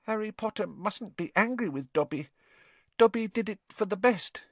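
A man voicing a small, anxious, servile male house-elf in a squeaky, strained voice, speaking of himself in the third person. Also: expressive, moderate pace, a bit bright, dry recording, heavily acted. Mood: wheedling. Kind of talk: audiobook character voice.

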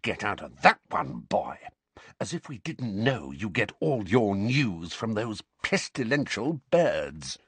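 A man voicing a stout middle-aged uncle, croaky and trembling with fury, in a dry, husky recording. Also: lowish voice, very animated, takes it slowly, a bit bright, no room sound, heavily acted. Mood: blustering.

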